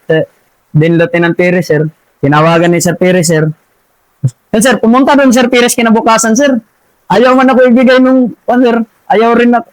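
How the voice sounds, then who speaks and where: Man, army sergeant, deferential, says "sir" nonstop, halting restarts, very high pitch. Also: clean tone, no room sound, poor audio. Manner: says "sir" after nearly every phrase; halting, with many restarts and repeated words. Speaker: army sergeant recounting his past as a rebel. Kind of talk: casual spoken testimony.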